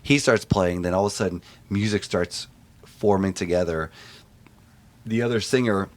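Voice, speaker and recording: A middle-aged man, a screaming vocalist, telling stories in a casual, animated interview with many restarts. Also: low voice, moderate pace. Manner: rambling, animated storytelling with restarts.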